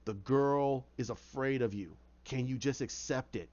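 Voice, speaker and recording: A man voicing a sinister madman alter ego, a taunting voice in someone's head, with a slow, menacing drawl. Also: medium pitch, a little mellow, dull audio, voice pushed down, close to an everyday voice.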